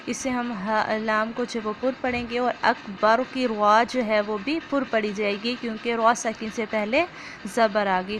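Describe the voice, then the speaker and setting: A woman's voice: fairly high pitch, a bit bright, a little hiss or hum. Woman teacher explaining pronunciation, Urdu accent. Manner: slow drawn-out recitation, then brisk explanation. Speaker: Quran recitation teacher. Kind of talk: online tajweed lesson.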